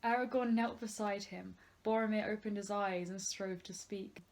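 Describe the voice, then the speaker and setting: A woman's voice: mid-range voice, steady tone, normal speed, rough recording. A woman reading a fantasy novel aloud as co-host of a casual read-along, breaking off to swear and joke.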